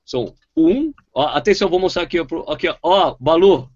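A man co-hosting a sports talk stream, chatting casually, full of restarts and excited jumps in his voice. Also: a little fast, highs cut off. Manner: excitable, restarts often, voice jumps high when retelling. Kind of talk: casual chat.

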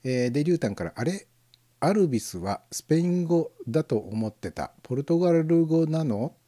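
A man hosts a live internet radio stream in a casual, rambling chat, full of fillers and soft chuckles. His voice is dark and mellow, and his pitch rises and falls in a lively way as he muses over each listener's comment. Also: moderate pace.

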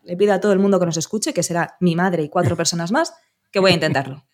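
A woman's voice: lowish voice, very fast, darkish tone. Playful woman podcast host. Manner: playful, teasing, laughs often. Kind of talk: casual chat.

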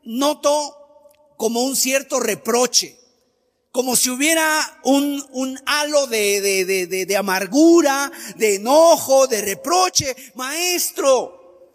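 A man's voice: extremely high pitch, slow, big-room sound. A man preaching a sermon, emphatic, asking many rhetorical questions and acting out the voices he quotes.

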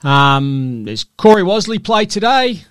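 A man's voice: high-pitched, very animated, measured pace, a bit bright, smooth, no room sound, studio quality. An Australian man hosting a podcast in a casual, matey and teasing way, chatting about sport. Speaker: podcast host.

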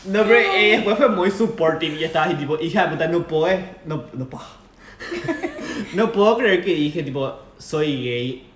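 A man's voice: a little high, normal speed, reverberant. Young Paraguayan man telling a story. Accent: Paraguayan Spanish. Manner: animated storytelling, laughing often. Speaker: podcast guest. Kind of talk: casual chat.

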